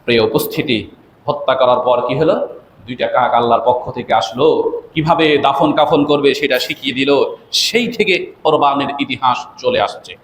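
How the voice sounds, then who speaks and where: A man, an imam from Bangladesh, delivering a sermon. He asks rhetorical questions and often rises to loud, emphatic peaks. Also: mid-range voice, moderate pace, slight background noise. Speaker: imam and preacher. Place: mosque. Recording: echoey mosque hall, faint ambience.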